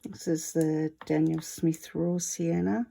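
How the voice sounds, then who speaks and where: A woman's voice: low-pitched, level tone, takes it slowly, gravelly, warm tone. A woman with a wheezy voice, short of breath, chatting casually and easygoing as she presents a hands-on art tutorial. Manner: chatty, easygoing, self-deprecating.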